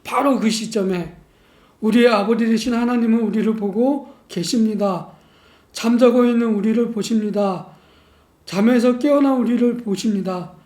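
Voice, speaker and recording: Mellow-voiced male pastor preaching in an echoey church. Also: high voice. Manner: measured preaching with rhetorical questions. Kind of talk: sermon. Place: church sanctuary.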